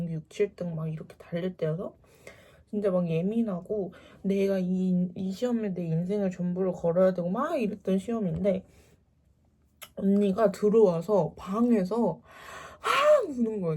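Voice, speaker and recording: Young woman, husky and warm-toned, casual animated storyteller. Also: mid-range voice. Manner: animated, acts out quoted lines.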